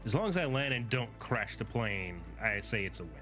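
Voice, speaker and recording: This young man streams games while worn out and yawning, musing aloud with fillers as game music plays behind him. He speaks at a normal speed in a fairly low voice that stays very animated.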